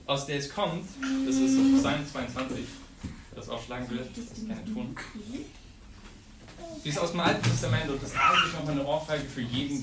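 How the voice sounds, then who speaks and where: A young man from Saxony giving an informal, earnest sermon, acting out the psalm's lines with feeling. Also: a little high. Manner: earnest, animated, acts out psalm voices. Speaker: preacher. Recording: echoey room, distant mic, noisy.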